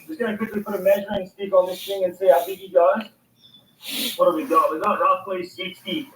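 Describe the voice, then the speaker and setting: A man giving excitable, slangy fishing commentary outdoors by the water. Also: high-pitched, brisk. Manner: excitable, exclaiming loudly, slangy. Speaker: fishing vlogger. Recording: distant, echoey outdoor sound with noise.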